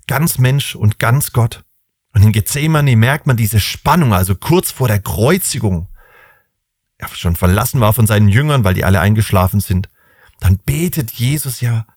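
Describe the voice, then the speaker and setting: A man's voice: medium pitch, husky, no echo, clean studio sound. A man hosting a Bible podcast, teaching in a casual, reflective way and asking rhetorical questions.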